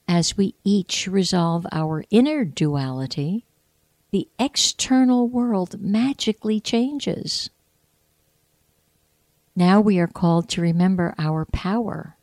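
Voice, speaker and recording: A woman hosting a spiritual, inspirational talk, speaking in an earnest, heartfelt and measured way. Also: on the low side, darkish tone, dry recording. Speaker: host.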